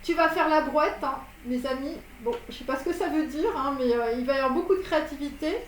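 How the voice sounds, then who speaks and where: A woman with a high voice talks her way through a tarot reading, full of hesitations and restarts. The sound is roomy and echoey, with a faint hiss underneath. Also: fast talker. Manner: rambling, many fillers and restarts. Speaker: tarot reader. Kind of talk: casual tarot reading monologue. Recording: echoey room with faint noise.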